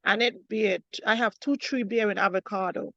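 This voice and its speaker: A woman's voice: mid-range voice, steady tone, normal speed, a bit bright. A woman with a Kittitian accent speaking up as a participant in an online class, insistent and matter-of-fact. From Saint Kitts. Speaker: course participant, fruit grower. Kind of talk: live question-and-answer on an online class. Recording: dull, dry online-call audio.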